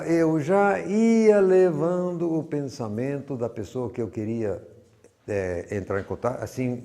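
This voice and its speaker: A man's voice: medium pitch, gravelly, warm tone. An older man from Brazil with a Brazilian Portuguese accent, giving a rambling, conversational teaching talk full of personal stories. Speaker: Bible teacher.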